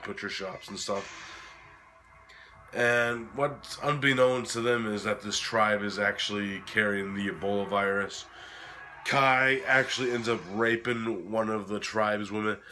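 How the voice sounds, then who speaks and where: A man hosting a casual film review while sick, his voice cracking, talking in a halting, informal, sweary way. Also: on the low side, bright, forceful tone. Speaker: host of a horror film review series.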